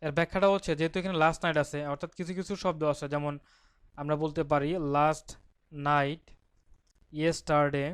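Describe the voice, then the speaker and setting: A man with a Bangladeshi Bengali accent teaching an exam-prep grammar lesson, explaining step by step, asking and answering his own questions, and reading English example sentences slowly. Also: a little high, little pitch movement, clear, resonant tone, no echo, clean studio sound.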